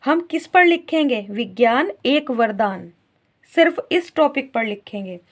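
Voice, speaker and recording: A woman's voice: sits high, animated. A woman teacher explaining a grammar lesson to young pupils, asking questions and then answering them herself. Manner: slow, questioning, answers her own questions.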